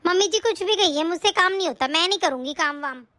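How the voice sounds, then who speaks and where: A woman's voice: very high-pitched, fast talker, sharp tone. A woman voicing a lazy, quarrelsome elder daughter-in-law in a cartoon story, whiny and always complaining. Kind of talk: cartoon voice acting.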